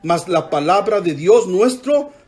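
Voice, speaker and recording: A man's voice: sits high, very animated, unhurried, darkish tone. A man preaching a sermon in church, emphatic, drawing the congregation into call-and-response.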